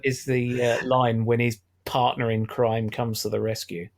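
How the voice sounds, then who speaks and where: A man's voice: mid-range voice, flat delivery, a little slow. A middle-aged man, chatting wryly about a film as a podcast co-host. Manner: chatty, wry, laughs often. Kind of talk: casual film discussion.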